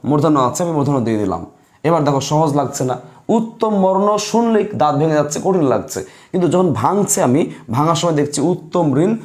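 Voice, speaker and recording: A man's voice: a little high, a little mellow. A man teaching an online grammar lesson, repeating each point and quizzing his students.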